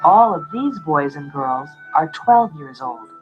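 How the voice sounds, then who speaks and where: A woman giving clear, measured scripted narration for an educational film, on a dull soundtrack with faint music behind. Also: deep voice, animated.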